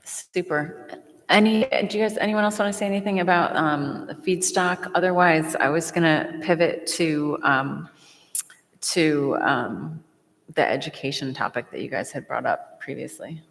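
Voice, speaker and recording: A woman's voice: sits low, a little fast, vocal fry, few pauses, fairly bright tone. A woman moderating a panel in a casual, chatty way, her voice echoing around a large reverberant room. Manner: informal, chatty. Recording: echoey hall with long reverb.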